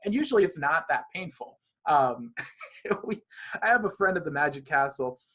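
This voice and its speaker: A man's voice: on the high side, lively intonation, moderate pace, pushed and bright. A man being interviewed as a magician, talking animatedly in long, rambling runs of casual conversation. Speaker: magician guest.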